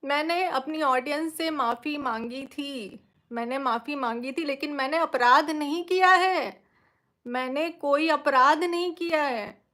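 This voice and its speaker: A woman's voice: high voice, a little slow, bright, forceful tone. A young woman speaking live from her bedroom, tearful and indignant, pleading with her audience and repeating herself. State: tearful, crying. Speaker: social media creator. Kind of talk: emotional live-stream appeal.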